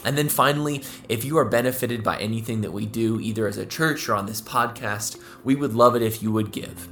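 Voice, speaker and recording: A man, an associate pastor, reading a scripted outro to his podcast in an inviting tone. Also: fairly low pitch. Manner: read from a script, warm invitation.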